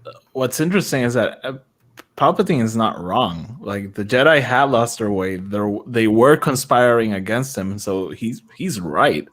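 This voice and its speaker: A man's voice: mid-range voice, expressive, normal speed, a bit bright. A man joining a podcast watch party as a guest, talking casually and animatedly, repeating words as he starts.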